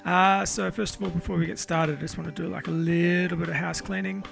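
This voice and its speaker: Higher-pitched, gravelly male podcast host. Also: level tone, fairly quick, fairly bright tone, soft background music. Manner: informal, sweary, enthusiastic. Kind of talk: casual chat with spoken introduction.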